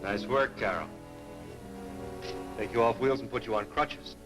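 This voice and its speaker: An actor playing a kindly, coaxing hospital attendant in 1940s film style. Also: male voice, medium pitch, a little slow, close to an everyday voice. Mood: easygoing. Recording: echoey old film soundtrack, loud music.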